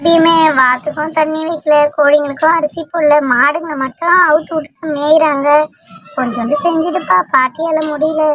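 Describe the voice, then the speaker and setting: Woman doing a high-voiced cartoon granny, old and frail, fussing over the kids all the time. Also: steady tone, moderate pace, fairly bright tone, a little hiss or hum. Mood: gentle. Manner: affectionate scolding, calls children dear. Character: kindly old village grandmother, frail, doting on children. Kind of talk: cartoon voice acting.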